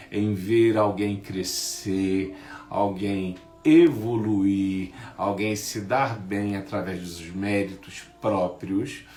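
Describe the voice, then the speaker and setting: A man giving a casual talk about envy, lively, acting out what friends say in mocking voices. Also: lowish voice, roomy sound. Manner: animated, acts out quoted friends in mocking voices. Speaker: speaker on envy.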